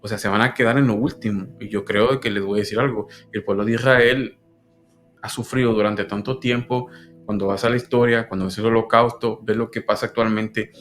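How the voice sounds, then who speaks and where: Guatemalan man, low earnest voice, faint music underneath; faith talk co-host. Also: fairly even intonation, fairly bright tone. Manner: earnest, halting. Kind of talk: religious discussion.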